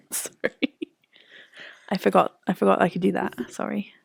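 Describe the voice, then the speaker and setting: A young woman co-hosting a podcast in casual chat, talkative, full of "like" and quick laughs. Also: mid-range voice, level tone, vocal fry, breathy edge, no room sound. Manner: chatty, fillers like "like", laughs often. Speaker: podcast co-host.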